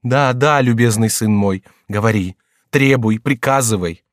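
A man's voice: mid-range voice, a little slow, dry recording, studio quality, close to an everyday voice. A man reading aloud, voicing a scheming aging queen mother who sounds tender while demanding obedience. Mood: pleading. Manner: falsely tender, imploring tone.

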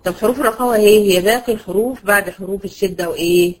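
Over a low-quality recording, a brisk Egyptian woman with a mid-range voice teaches an online tajweed lesson to female students as a Quran recitation teacher. She poses questions to the students, answers them herself, and slows to lengthen example words.

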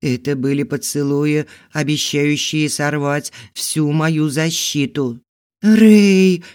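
Slow, measured male audiobook narrator. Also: a little high, level tone, clean tone. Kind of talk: scripted narration.

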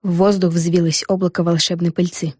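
A woman reading a children's book aloud with lively, expressive storytelling. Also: lowish voice, brisk, slightly rough, no echo, studio quality. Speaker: audiobook narrator. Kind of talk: scripted narration.

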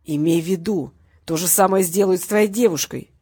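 A woman's voice: fairly low pitch, moderate pace, a little mellow, husky. A woman reading a blunt male gang boss who makes curt threats, in an audiobook. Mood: threatening.

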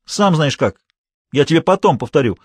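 A man's voice: a little high, big pitch swings, moderate pace, no echo, studio quality. Man reading as a resolute young schoolboy. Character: brave earnest teenage schoolboy.

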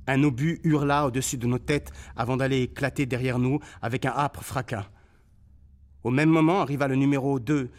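Man reading a war memoir dramatically. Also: mid-range voice. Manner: expressive, voices the sounds of shells and cries. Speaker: reader on a radio documentary.

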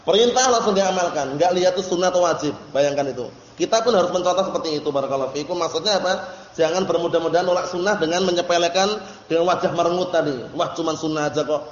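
A man's voice: high-pitched, quick pace, echoey room, in a large hall, highs cut off. A man giving a religious study lecture, explaining terms patiently and checking that his listeners follow. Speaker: religious teacher.

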